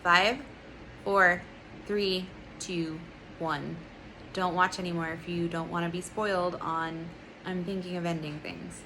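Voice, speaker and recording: A woman's voice: lowish voice, fairly even intonation, measured pace, background noise. A young woman reviewing a movie in a casual vlog, ranting, profane and sarcastic.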